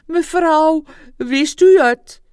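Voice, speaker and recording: A woman's voice: high voice, drawn-out words, a little mellow, dry recording, studio quality, pitched above the performer's own voice. A woman playing a trembling old doll doctor with a strange accent. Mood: emotional, tearful. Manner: odd foreign-sounding accent, sighing exclamations.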